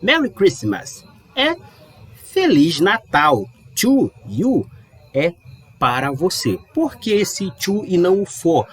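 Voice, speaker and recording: A man teaching English in a casual, chatty way, slowing down to model pronunciation. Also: high voice, husky, no room sound. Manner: lively, chatty, stretches English words slowly to model pronunciation. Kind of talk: casual explanatory lesson. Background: dog barking outside.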